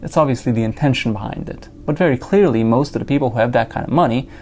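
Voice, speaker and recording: A man ranting to camera in an opinion video, swearing often and emphatic, with sarcastic loud outbursts and muttered asides. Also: mid-range voice, quick pace, slight background noise. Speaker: video essayist.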